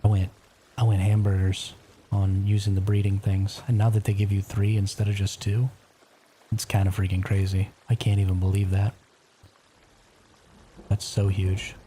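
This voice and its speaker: Whispering man streamer, dark soft voice. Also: fairly low pitch, a little hiss or hum. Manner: whispering quietly. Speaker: live streamer. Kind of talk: casual gameplay stream chat.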